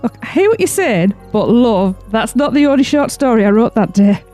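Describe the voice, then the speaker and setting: A woman playing an anxious young wife, speaking quickly and worriedly. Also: fairly high pitch, big pitch swings, warm tone, faint music behind. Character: anxious young wife who fears her writing.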